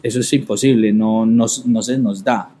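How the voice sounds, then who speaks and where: A man who hosts a podcast and talks reflectively, pausing and repeating words as he searches for them. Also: on the low side, steady tone, dark tone. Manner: thoughtful, halting, repeats words while searching. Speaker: podcast host. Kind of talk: reflective conversation.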